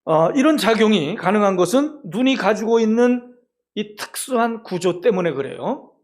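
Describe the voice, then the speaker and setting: A male pastor delivering a sermon in a fairly high voice. He talks emphatically and keeps turning to the congregation with rhetorical questions. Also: expressive, moderate pace.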